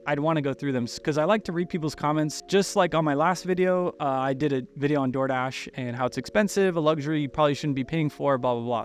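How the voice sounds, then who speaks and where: A man hosting a casual commentary, talking with cheeks still swollen after having wisdom teeth removed. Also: fairly high pitch. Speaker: host.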